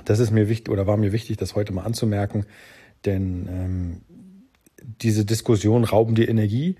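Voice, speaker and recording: Male podcast host, solo talk; low, dark and a bit husky, earnest, speaks right to the listener. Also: fairly even intonation, moderate pace. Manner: earnest, addresses the listener directly, thinks aloud.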